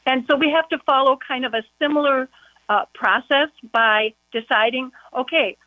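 Muffled phone-line woman, a bit high. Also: moderate pace, dry recording. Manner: chatty, full of "you know" fillers. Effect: muffled phone line, as if heard through a wall. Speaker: county board member. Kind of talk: casual phone-in interview.

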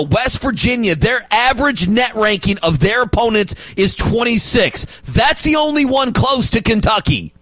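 A male sports radio host arguing basketball opinions and rattling off stats, with emphatic loud bursts. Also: very high-pitched, dry recording, low-quality recording.

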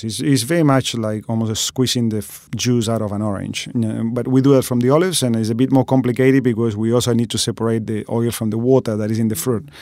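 A man's voice: medium pitch, darkish tone, no echo, studio quality. A middle-aged man from Argentina, giving thoughtful, explanatory interview answers with frequent fillers. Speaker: olive oil expert guest.

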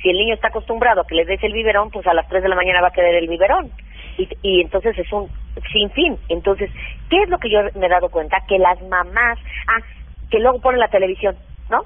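A woman's voice: medium pitch, fast talker, no echo. A woman who is a parenting expert gives practical advice in a radio interview and explains things step by step with examples. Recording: phone-like narrow band, dry.

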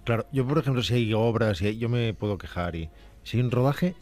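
A man on a comedic radio show, making a calm, wry counterargument. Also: mid-range voice, brisk, soft background music. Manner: calmly reasoned, wry counterargument. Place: radio studio.

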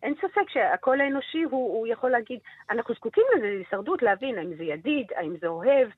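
A woman with a high, slightly husky voice explains as a voice teacher, emphatic and full of energy. She talks over a tinny phone line that sounds dry and close. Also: expressive, dry recording. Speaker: voice teacher and vocal cognition researcher. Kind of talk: phone-in radio interview. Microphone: telephone.

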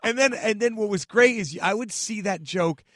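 A man, a stand-up comedian, chatting casually and telling profane, animated stories as a podcast guest, acting out other people's lines. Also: high voice, moderate pace, dry recording, clean studio sound.

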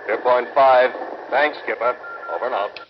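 A man's voice: mid-range voice, moderate pace, background noise. An actor playing a male navy task force captain, speaking in clipped radio procedure over a two-way radio transmission. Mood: formal. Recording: muffled distant radio sound.

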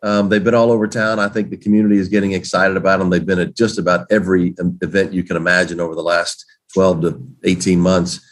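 Man, very low voice, folksy, interview guest. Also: quick pace, few pauses. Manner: folksy, relaxed, many fillers and restarts. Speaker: guest, games organizer. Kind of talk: conversational interview answers.

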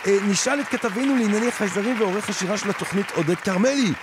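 A man hosting a comic late-night style show, theatrical and excitable, often stammering and restarting. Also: sits high, over a noisy crowd, heavy background noise. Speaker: podcast host.

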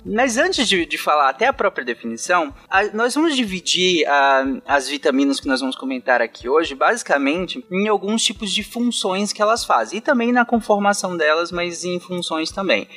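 A man's voice: high voice, lively intonation, normal speed, few pauses, sharp tone. A man from Goiânia with a Brazilian accent, explaining things didactically and casually as a podcast panelist.

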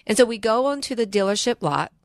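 A woman's voice: fairly high pitch, lively intonation, fast talker, no room sound, clean studio sound. A woman financial advisor hosting a radio talk show, telling stories in an earnest, chatty way. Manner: earnest, storytelling, repeats words on restarts.

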